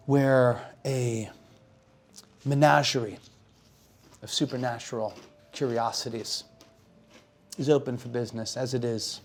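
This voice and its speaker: A man with a mid-range voice acts as game master for a tabletop game, improvising the narration in casual, descriptive, halting phrases.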